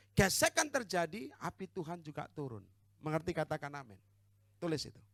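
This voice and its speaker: A man's voice: on the high side, a bit bright, dry recording, studio quality. A man preaching a sermon as pastor, with an Indonesian accent, who calls out to the congregation for amens and teases them bluntly.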